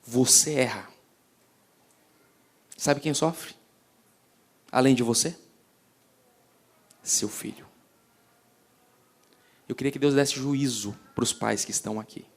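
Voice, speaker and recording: A man preaching a sermon as pastor, swinging between loud emphasis and hushed words, often repeating and restarting phrases. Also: medium pitch, takes it slowly, pauses often.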